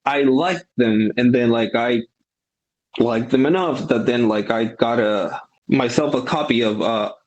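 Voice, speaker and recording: Musician, rambling. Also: male voice, medium pitch, a little slow, lo-fi sound. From Peru. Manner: thoughtful, rambling with restarts. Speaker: musician guest. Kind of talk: casual interview chat.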